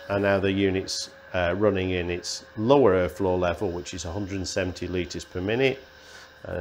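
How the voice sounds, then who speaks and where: In an indoor studio with a green table, a man demonstrates welding safety equipment, explaining plainly with many ums and uhs. His voice sits low, and there's a little hiss or hum.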